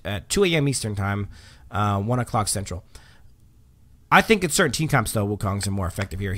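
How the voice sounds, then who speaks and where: Here a man hosts a livestream and goes through patch notes in a casual, chatty manner, often saying um and starting over. His voice is mid-range with a fairly bright tone.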